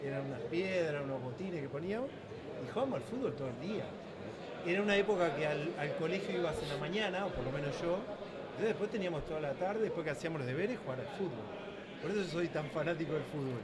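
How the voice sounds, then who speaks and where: A middle-aged man with a Uruguayan accent talks in a friendly, unhurried way, his voice sitting a bit high for a man. A loud trade fair crowd fills the background behind him. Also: animated. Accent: Uruguayan Spanish. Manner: friendly, reminiscing, with filler "este". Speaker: guest, sales manager. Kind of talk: casual interview chat.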